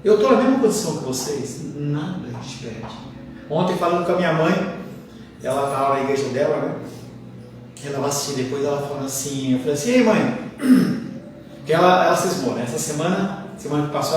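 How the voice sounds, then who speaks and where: A Brazilian pastor with a high-set voice preaches in a relaxed, chatty way, drifting into everyday stories between points. He sits well back from the mic, so the voice comes through a very echoey church hall with faint room ambience. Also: fast talker, recorded from a distance, a little hiss or hum. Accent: Brazilian Portuguese. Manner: conversational preaching with asides and anecdotes. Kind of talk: sermon.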